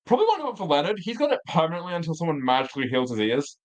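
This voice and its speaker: A man's voice: fairly high pitch, wildly swooping pitch, rapid-fire, poor audio. A man running a tabletop game as game master, wry and laid-back.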